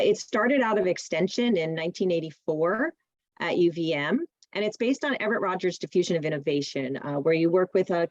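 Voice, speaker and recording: A woman's voice: lowish voice, dry recording, lo-fi sound. A woman directing a nonprofit, giving a friendly, informative talk to a public meeting over a video call. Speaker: presenter, nonprofit executive director.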